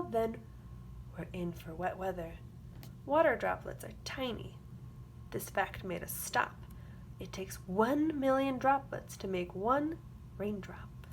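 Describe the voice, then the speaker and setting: Here a woman teacher of the early grades, with a mid-range and somewhat bright voice, shares a picture book with young children. Her reading is expressive, dotted with simple asides that explain things, and a faint hiss or hum sits under the recording.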